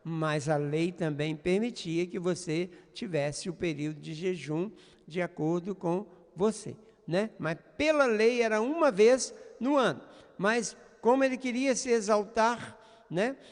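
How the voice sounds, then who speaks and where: A man's voice: sits high, measured pace, big-room sound. A man preaching a sermon as a pastor, speaking earnestly to the congregation with frequent tag questions. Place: church.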